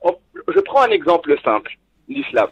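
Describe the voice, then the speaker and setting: Over dull lo-fi phone call audio, a native Arabic-speaking Tunisian man calls a live talk stream, speaking earnestly with many halting restarts. His voice is high, creaky, and breathy-edged, with huge pitch swings.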